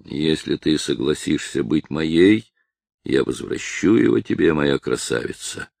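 A man's voice: rumbling low, sing-song, a little slow, gravelly, a little mellow, no echo, clean studio sound, full character voice. A man voicing an obsessive, possessive villain who threatens a young woman, in a menacing, insistent manner.

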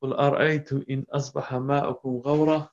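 A man teaching a Quran class, reciting verses in Arabic and explaining word meanings in halting English, often stopping to question his students. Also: medium pitch, flat delivery. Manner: halting, non-native English with restarts. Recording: dull lo-fi recording.

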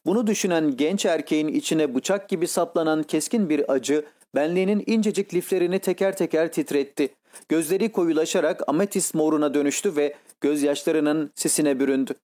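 A male audiobook narrator reads a classic novel in a measured, literary manner. His voice is mellow and warm and sits a little high. He takes his time over each sentence. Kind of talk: scripted narration.

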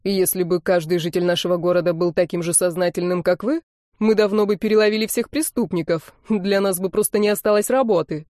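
A woman's voice: on the low side, fairly even intonation, brisk, warm tone, dry recording, studio quality, natural voice. A woman reader voicing a courteous, ingratiating man in plain clothes in an audiobook. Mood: flattering. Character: flattering man in plain clothes, smooth talker.

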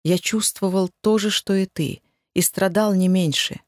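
A woman reader voicing a passionate young man in an audiobook, speaking low and hushed. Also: a little slow, no room sound, studio quality, natural voice. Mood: pleading.

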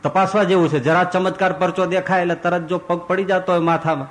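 A male monk preacher giving a devotional sermon, telling stories in an animated way. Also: sits high, fast talker, poor audio. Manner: animated storyteller who voices characters.

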